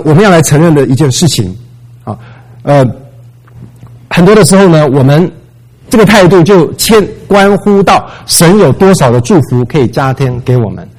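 A man delivers a sermon in a chatty, conversational way. He drops English words into his talk. His voice sits a little high for a man. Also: darkish tone, rough recording. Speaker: preacher.

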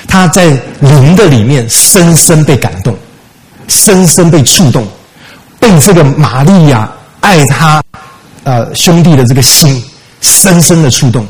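A man's voice: on the high side, animated, unhurried, low-quality recording. A man preaching a sermon, retelling a story with rhetorical questions and dropping English words into his speech. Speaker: pastor.

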